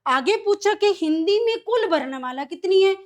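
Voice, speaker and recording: A woman with a fairly high voice gives a classroom lesson to young pupils. She asks a question and answers it herself, repeating each key term in a steady call-and-response rhythm. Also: normal speed. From India. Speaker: teacher.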